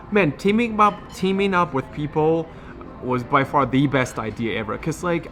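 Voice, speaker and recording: A man's voice: medium pitch, a bit bright. A man giving a casual, enthusiastic fitness recap to viewers, talking in slangy phrases with a slightly swollen lip. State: swollen lip affecting speech. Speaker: fitness challenge vlogger.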